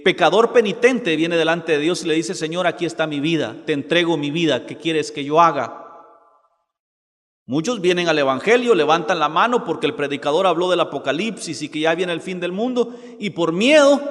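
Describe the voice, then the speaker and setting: A man preaching a sermon, slowing down to quote scripture dramatically. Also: a little high, a bit bright, in a large hall. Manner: preaching with dramatic slow quotations.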